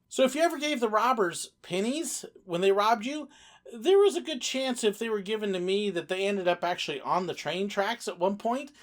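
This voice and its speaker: A woman telling casual stories as a former theme park entertainer, acting out bits of conversation as she goes. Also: mid-range voice. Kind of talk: casual anecdotal storytelling.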